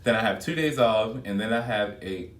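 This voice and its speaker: A man's voice: lowish voice, normal speed. Chatty man on echoey phone video. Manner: chatty and expressive, addresses viewers as y'all. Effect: recorded on a phone video. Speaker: flight attendant vlogger. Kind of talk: casual vlog chat to viewers. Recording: echoey room, phone mic held back at a distance.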